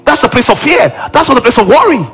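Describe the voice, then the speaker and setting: A man's voice: very high voice, animated, fast talker, a bit bright, a little hiss or hum. A male pastor preaching a sermon with emphasis, repeating key lines and acting out what people say.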